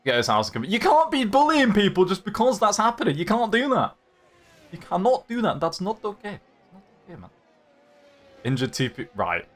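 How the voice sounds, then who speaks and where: A man's voice: high-pitched, wildly swooping pitch, normal speed, a bit bright. Young guy streaming race commentary, jokey banter w chat, voice bouncing all over. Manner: chatty, jokey, teasing banter with viewers. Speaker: league host and commentator. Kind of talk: live-streamed racing commentary, chatting with chat.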